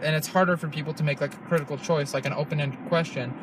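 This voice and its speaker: Young man, podcast host, fairly high voice, rambling profane chat, outdoor traffic noise. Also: fairly even intonation, fast talker. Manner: rambling, profane, restarts often.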